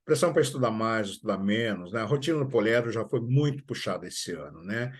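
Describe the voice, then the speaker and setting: A middle-aged man with a Brazilian Portuguese accent, a school coordinator giving parents advice on a live stream and acting out family talk in quick asides. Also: lowish voice, lively intonation, slightly rough.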